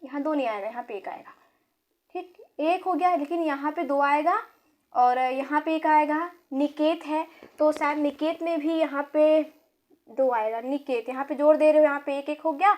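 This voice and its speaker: A woman teaching Hindi grammar, explaining step by step, often asking quick check-in questions and counting aloud. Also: high voice, darkish tone. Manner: repeats points, self-corrects. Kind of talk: classroom-style explanation.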